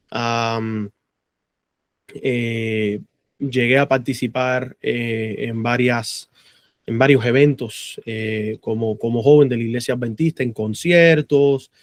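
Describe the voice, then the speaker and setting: A man's voice: mid-range voice, no room sound, studio quality. Earnest man from Cuba on a video call. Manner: earnest, many "eh" fillers, laughs easily. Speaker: guest. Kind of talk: personal testimony in a video call.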